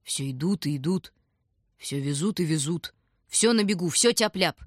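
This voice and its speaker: A woman's voice: sits low, lively intonation, moderate pace, no room sound, clean studio sound. A brusque, grumbling tram conductor, read by a woman. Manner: brusque, ordering people about. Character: stout gruff grumbling female tram conductor.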